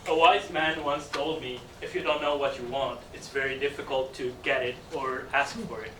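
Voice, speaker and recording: A young man from Tunisia giving a student presentation, pausing often with fillers as he speaks in a lecture room. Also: mid-range voice, fairly even intonation, heavy background noise. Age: young adult. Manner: hesitant, many fillers. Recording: echoey room, mic from a distance.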